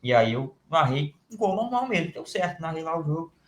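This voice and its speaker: Young male sports announcer, expressive storyteller, roomy podcast room. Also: a little high, brisk, a little hiss or hum. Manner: animated, acts out his goal calls. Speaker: football radio announcer guest. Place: podcast studio. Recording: roomy studio echo.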